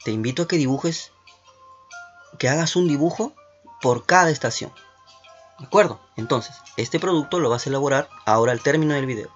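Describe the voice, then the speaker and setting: A man with a mid-range voice talks fairly quickly but leaves long pauses as he takes schoolchildren through questions in an online class. His tone is encouraging, and he keeps asking "¿no?". The audio is dull and lo-fi, with faint music in the background.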